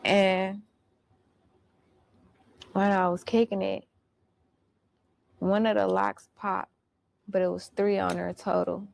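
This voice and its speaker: A woman's voice: medium pitch, flat delivery, slow, creaky, long pauses. A woman telling a personal story in casual, blunt, profane street slang. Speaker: storyteller recounting her experience.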